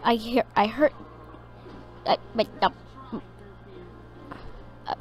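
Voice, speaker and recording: A woman's voice: fairly high pitch, fairly even intonation, slow pace, faint music behind. A woman giving casual, rambling gameplay commentary, hesitating with many ums. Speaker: gaming video creator.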